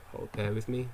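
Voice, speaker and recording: Against background noise, a man's lowish voice mutters along as he builds a game live on stream. He thinks aloud while working, forever second-guessing and correcting himself.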